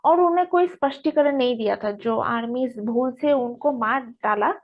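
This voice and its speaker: A woman's voice: a little high, moderate pace. A young woman hosting a casual news explainer, checking in with listeners often as she explains. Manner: chatty, frequent "theek hai" check-ins. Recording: dull lo-fi recording.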